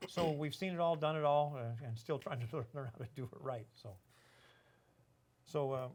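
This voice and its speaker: An older man, an organization executive, hosts a casual podcast, rambling and joking with plenty of fillers and restarts. His voice is medium in pitch, a little mellow, and moves at a moderate pace.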